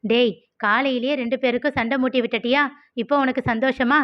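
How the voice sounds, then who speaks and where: A woman's voice: fairly even intonation, fairly quick, dull audio, natural voice. Scolding middle-aged mother, a woman voicing her. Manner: scolding, gossipy in a low voice.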